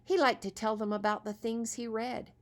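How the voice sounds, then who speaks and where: A woman reading a children's story aloud as storyteller, expressive and asking the young listeners questions. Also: a little high, moderate pace.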